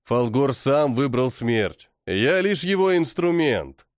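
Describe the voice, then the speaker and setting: A man voicing a stern, powerful older prince and sorrowful father who talks gravely in an audiobook. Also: medium pitch, big pitch swings, takes it slowly, dry recording, clean studio sound. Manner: grave, heavy, sighing.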